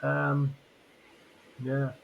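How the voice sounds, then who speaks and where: A middle-aged man, a podcast guest, talking reflectively in a rambling, halting way full of fillers and restarts. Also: medium pitch, monotone, vocal fry, narrow, tinny audio. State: tearful. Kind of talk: reflective conversational interview.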